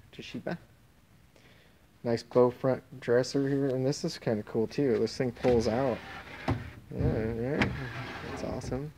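Here a man of medium pitch and slightly mellow quality narrates casually as he walks a warehouse and tent, filming on his phone. He lists auction lots offhandedly, letting phrases trail off unfinished.

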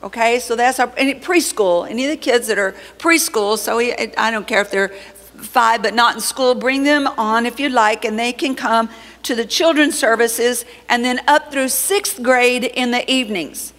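A high-pitched woman pastor addresses a congregation in a large church sanctuary, speaking with a playful, teasing edge. Her voice rings out with a long hall reverb. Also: moderate pace, fairly bright tone. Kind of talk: church announcements and teaching.

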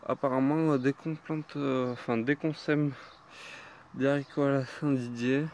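A man giving a casual tour of his vegetable garden, talking in an unhurried, hesitant way with many fillers. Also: medium pitch, fairly even intonation, darkish tone, a little hiss or hum.

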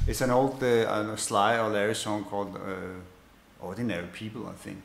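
A man giving a bass lesson, explaining in a halting way with many fillers and restarts and counting beats aloud. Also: flat delivery, creaky, soft background music. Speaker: bass teacher. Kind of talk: instrument lesson demonstration. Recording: roomy echo with loud bass playing.

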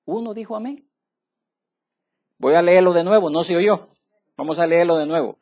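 In a church, a male preacher with a high voice gives an emphatic sermon at normal speed, calling his listeners brother. He swings between quiet asides and loud, raised passages, and the recording has its highs cut off.

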